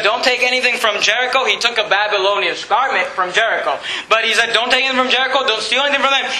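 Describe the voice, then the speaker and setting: A male pastor preaches in an echoey church, his high, sharply bright voice carrying over a faint background hum. He talks straight to the congregation and breaks off to read scripture aloud. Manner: earnest preaching, reads scripture aloud, addresses congregation directly. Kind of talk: sermon. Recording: echoey room, faint ambient noise.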